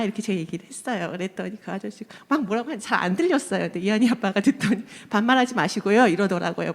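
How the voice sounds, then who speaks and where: A woman's voice: medium pitch, big-room sound. A woman in her thirties telling a personal testimony to a congregation, acting out the voices in her story and laughing often. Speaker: church member giving testimony. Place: church sanctuary.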